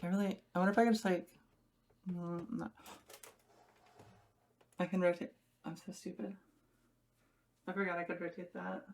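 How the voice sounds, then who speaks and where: Young woman streamer rambling to chat at home, creaky vocal fry. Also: lowish voice, level tone, normal speed, long pauses, a little mellow. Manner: rambling, chatty, talking to viewers while fiddling. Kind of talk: casual live-stream chat.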